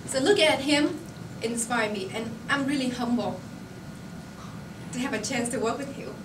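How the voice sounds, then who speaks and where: High-voiced woman giving a motivational speech. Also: moderate pace. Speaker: company employee addressing colleagues. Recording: roomy, noisy recording from far off.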